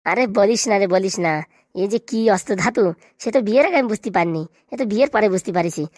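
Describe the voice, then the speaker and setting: A woman's voice: mid-range voice, expressive, quick pace, a little mellow, no room sound, clean studio sound, close to an everyday voice. A woman voicing a henpecked middle-aged husband in a Bengali cartoon, with a Bengali accent and a pleading, whining way of talking. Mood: grumbling.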